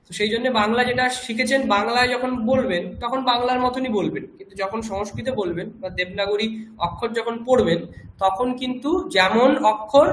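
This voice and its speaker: High-voiced Bengali teacher in an echoey room. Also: male voice, a bit bright. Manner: patient, repeats words slowly to model pronunciation. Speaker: Sanskrit teacher. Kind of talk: classroom lesson explaining pronunciation. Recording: echoey room with faint background noise.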